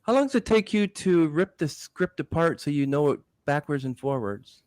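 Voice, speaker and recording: A man's voice: fairly high pitch, expressive, moderate pace, darkish tone, no echo. A man hosting a podcast, asking interview questions in an enthusiastic, admiring way. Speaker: podcast host.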